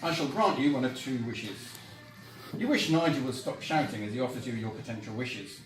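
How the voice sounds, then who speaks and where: A man voicing a booming, pompous male genie who shouts his offers grandly, in a roomy space picked up from a distance with faint music behind. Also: fairly quick, natural voice. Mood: bellowing.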